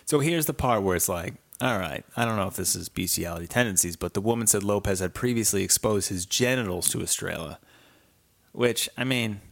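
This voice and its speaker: A man co-hosting a casual podcast, reading out a news story and dropping crude, deadpan jokes. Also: on the low side, brisk, creaky. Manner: crude, joking, deadpan asides. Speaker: podcast co-host.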